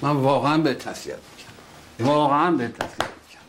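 An actor playing a doctor in a TV comedy who offers solemn, overdone condolences. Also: male voice, mid-range voice, slight background noise, natural voice. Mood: mock-solemn. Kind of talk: TV comedy acting.

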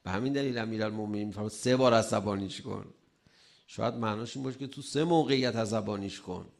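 A man delivering a religious sermon. He asks rhetorical questions and adds playful humor, swinging between loud emphasis and soft asides. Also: fairly low pitch, gravelly. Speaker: preacher.

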